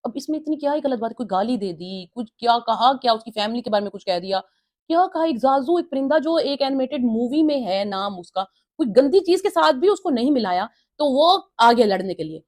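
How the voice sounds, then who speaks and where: Woman reviewer, rapid talk, slightly high voice, opinionated casual commentary, mimics quarrels. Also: animated, darkish tone. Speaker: reality show reviewer.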